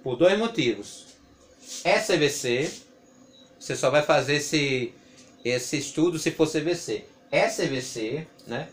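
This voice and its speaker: A man's voice: on the high side, a bit bright. A man with a Brazilian Portuguese accent teaching an English grammar lesson, patiently repeating points and asking rhetorical questions. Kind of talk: classroom lesson explaining grammar.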